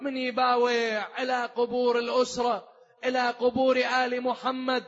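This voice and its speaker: High-voiced man chanting a lament. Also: completely flat delivery, moderate pace, fairly bright tone. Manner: melodic lamenting chant, rising to wailing cries. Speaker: eulogy reciter. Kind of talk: chanted mourning sermon. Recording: lo-fi hall with long reverb and faint music.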